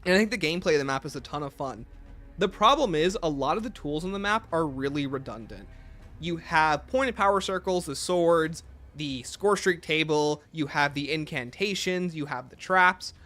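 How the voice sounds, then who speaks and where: Man, livestream host, casual commentary, bright, slightly raised pitch, faint music. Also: expressive, moderate pace. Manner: opinionated, reads and answers chat aloud.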